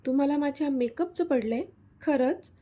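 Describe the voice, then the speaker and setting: A woman's voice: high-pitched, moderate pace, dark tone, natural voice. A woman voicing a pouting, tearful young woman in a storybook love story. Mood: sulky. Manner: pouting, pleading.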